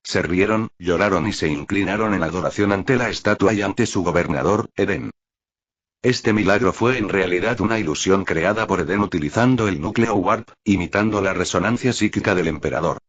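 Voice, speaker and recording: A man narrating a light novel in an even, steady storytelling manner. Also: sits low, moderate pace, breathy edge. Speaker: audiobook narrator. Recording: dull lo-fi recording.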